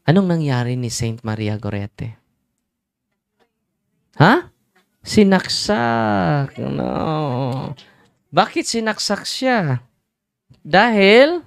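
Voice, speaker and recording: Slow-talking priest quizzing his crowd. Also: on the high side, very animated, creaky, no room sound, studio quality. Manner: teasing, asks the crowd quick questions. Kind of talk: lively sermon with audience questions.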